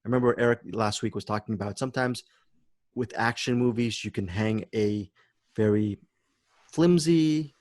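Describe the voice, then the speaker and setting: A man's voice: on the low side, normal speed, a little mellow, no echo. A man hosting a film podcast, chatting enthusiastically about a movie and often repeating words as he searches for phrasing. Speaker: podcast host.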